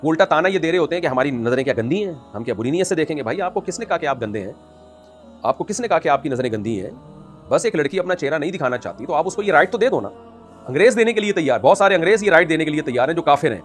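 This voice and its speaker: A man as an Islamic scholar answering audience questions in an emphatic, scolding way that rises into forceful outbursts. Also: a little high, expressive, soft background music. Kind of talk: religious question-and-answer talk.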